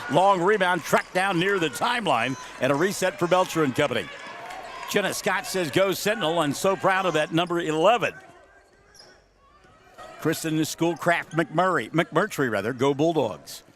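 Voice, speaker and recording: A man calling a high school basketball game on the radio, jokey and excitable, yelling on big plays. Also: normal speed. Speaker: play-by-play announcer. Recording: gym crowd noise behind.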